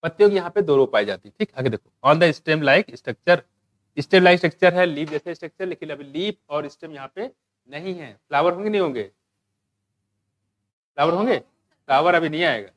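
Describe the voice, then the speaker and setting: A man teaching a biology exam-prep lecture, asking questions and answering them himself, reading English textbook lines slowly. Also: on the high side, lively intonation, dry recording.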